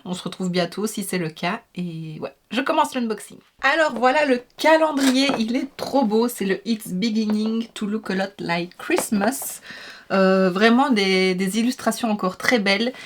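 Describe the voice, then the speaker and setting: A young woman, chatting casually and enthusiastically as she unboxes beauty products, with many fillers. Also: mid-range voice. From Belgium. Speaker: beauty vlogger.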